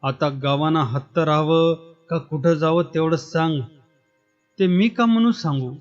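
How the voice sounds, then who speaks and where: A man's voice: fairly high pitch, unhurried, close to an everyday voice. A man voicing a village headman who speaks near tears, in a dull recording with faint music. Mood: pleading. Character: tearful village headman, pleading.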